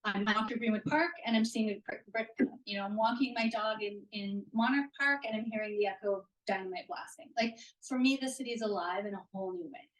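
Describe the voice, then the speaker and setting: At a live reading in a bookstore event room, a woman author fields questions through a handheld mic, her medium-pitched voice brisk with hardly any pauses. She rambles warmly, restarting sentences and using fillers in this casual Q&A, and the audio quality is poor.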